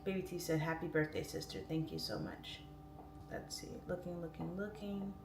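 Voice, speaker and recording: Woman, late 30s, low voice, livestream host, speech slightly thickened by tongue piercing, roomy echo. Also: animated, normal speed, music in the background. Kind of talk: casual livestream chat, reading viewer comments aloud. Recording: roomy echo, distant mic, clear background noise.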